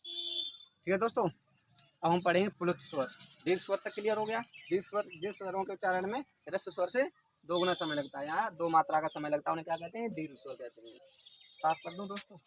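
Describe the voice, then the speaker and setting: A man's voice: high voice, lively intonation, fairly quick. A man teaching an exam-prep lesson who asks questions and answers them himself, stretching words out to show calling someone. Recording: outdoor noise with birdsong.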